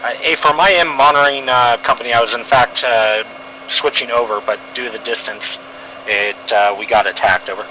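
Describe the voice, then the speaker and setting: A man giving clipped military radio calls over a game radio channel, pausing often with "uh" fillers. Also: medium pitch, steady tone, pushed and bright, a little hiss or hum, poor audio. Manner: halting, with frequent "uh" fillers. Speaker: command radio operator in a military sim game.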